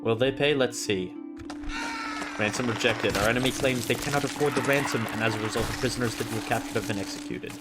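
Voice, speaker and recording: A man's voice: medium pitch, quick pace, loud music behind the voice. A man giving casual commentary as he plays a video game.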